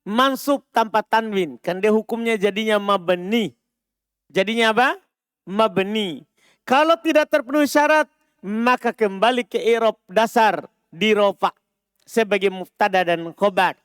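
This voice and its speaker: A man leads a grammar class in a high, smooth, resonant voice. He drills examples slowly and keeps asking whether his students have followed. The sound is close and dry, with no room echo. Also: fairly bright tone. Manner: repeats key points and checks understanding with quick questions; slows down to spell out example phrases. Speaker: Arabic grammar teacher.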